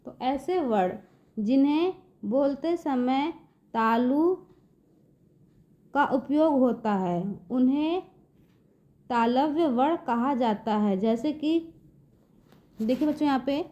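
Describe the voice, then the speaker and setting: Speaking slowly with long pauses, this teacher uses a high-pitched voice that has a dark tone yet lively intonation. She patiently walks children through the lesson step by step, frequently repeating "देखिए बच्चों." Her slow explanation is captured in a dull, lo-fi recording.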